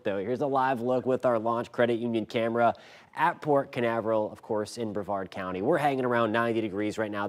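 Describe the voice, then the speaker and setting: An American man delivering a live local TV weather forecast in an informal, folksy, conversational way. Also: medium pitch.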